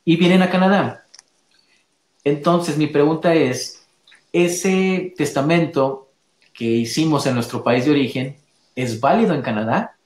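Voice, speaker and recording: A man's voice: on the high side, a little slow, a little mellow. A man hosting a question-and-answer chat, reading out listener questions in an easygoing way, sometimes restarting as he frames them. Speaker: host. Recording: roomy echoey room sound.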